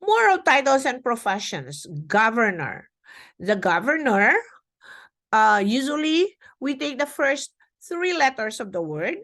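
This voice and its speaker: A woman teacher explaining a classroom lesson to young children, slow and deliberate, with fillers as she goes. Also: sits high, sing-song, a bit bright.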